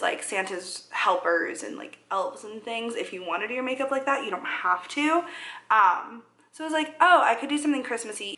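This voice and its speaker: This is a twenty-something vlogger at home in her living room, talking her way through a makeup tutorial as she applies it, rambling with self-deprecating jokes. She has a mid-range voice that comes across pushed and bright, and the indoor room echoes.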